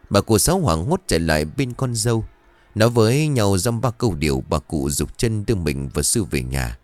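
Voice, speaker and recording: A man narrating a scripted horror story in a slow, suspenseful reading voice. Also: low voice, darkish tone, no room sound. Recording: music bed behind the voice. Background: faint music.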